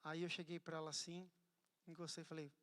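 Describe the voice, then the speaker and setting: A man preaching a sermon, telling a story with animated swings from loud to hushed. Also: on the high side, fairly quick. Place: church hall. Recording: church hall with long reverb.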